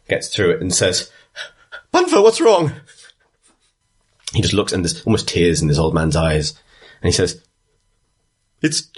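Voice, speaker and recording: Low husky-voiced game master. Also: male voice. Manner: descriptive, chatty, laughs often, with frequent restarts. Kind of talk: narrating a tabletop game.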